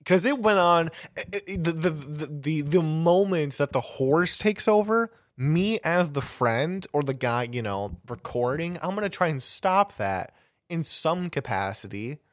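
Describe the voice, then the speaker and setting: A man's voice: on the high side, expressive, measured pace, dry recording, clean studio sound. A young man chatting casually as a podcast co-host, rambling through a story with restarts and bursts of laughter. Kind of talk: casual chat.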